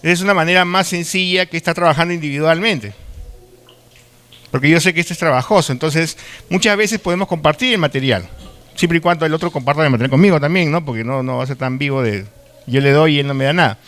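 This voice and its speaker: A man's voice: on the high side, quick pace, a bit bright. A man from Peru with a Lima accent, giving a live university lecture in a chatty way, often checking in with his students and sometimes stumbling and restarting words. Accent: Lima Peruvian Spanish. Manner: conversational, asks the class frequent tag questions; occasional stutters and restarts.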